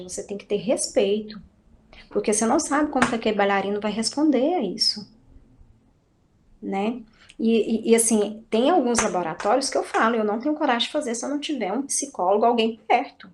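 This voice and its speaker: A woman's voice: fairly high pitch, a little hiss or hum. A woman from Brazil, a dance teacher, chatting casually and animatedly about her work, acting out quoted dialogue with frequent restarts. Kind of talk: casual chat.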